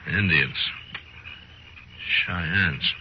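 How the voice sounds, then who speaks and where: An actor playing a tough, unflinching frontier marshal, terse and stern, in 1950s radio western style. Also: male voice, deep voice, very slow, very noisy. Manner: terse, stern, hard-boiled. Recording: old radio broadcast recording.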